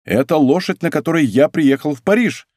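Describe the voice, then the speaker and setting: A man's voice: fairly high pitch, animated, fairly quick, darkish tone, dry recording, studio quality, close to an everyday voice. A man voicing a bold, teasing young male nobleman in an audiobook reading. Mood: excited.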